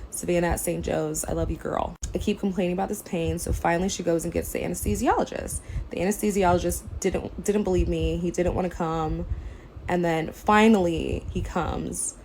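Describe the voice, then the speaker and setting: A young woman from the United States telling a personal story to camera in a casual vlog, acting out what people said with sudden high, loud outbursts. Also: steady tone, a little fast, a little hiss or hum, poor audio. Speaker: vlogger.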